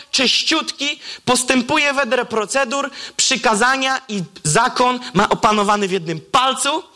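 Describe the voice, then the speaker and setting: High, bright-voiced dramatic preacher man. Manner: dramatic swings between high excited and low hushed delivery; exclaims wow and reads scripture aloud. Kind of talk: sermon.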